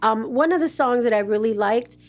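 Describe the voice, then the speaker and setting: A woman with a fairly high voice co-hosting an interview. She asks friendly questions and pauses with "um" as she works her way to the point. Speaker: interview co-host. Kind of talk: casual interview chat.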